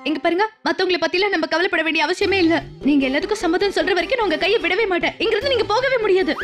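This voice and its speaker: Pleading young daughter-in-law, high and quick. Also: female voice. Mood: determined. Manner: coaxing, pleading, playful. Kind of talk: TV serial acting. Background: background music score.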